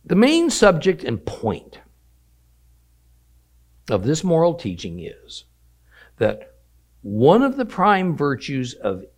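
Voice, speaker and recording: A man teaching a weekly Bible lesson, reading scripture aloud and slowing down to stress key phrases. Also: a little high, huge pitch swings.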